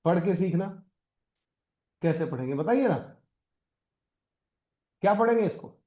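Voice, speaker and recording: Male teacher, high voice, classroom lecture, keeps quizzing students. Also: expressive, unhurried, warm tone. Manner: questioning, coaxing students. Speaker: spoken English teacher.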